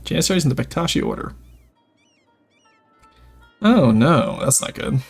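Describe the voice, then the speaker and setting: A young French Canadian man from Quebec, Canada, with a light Québécois accent, chats casually with his viewers while playing a strategy game. His voice is on the high side, husky, with vocal fry and big pitch swings at a normal speed, and faint music plays behind. This streamer is chatty, reading and answering chat as he plays in a casual gameplay livestream.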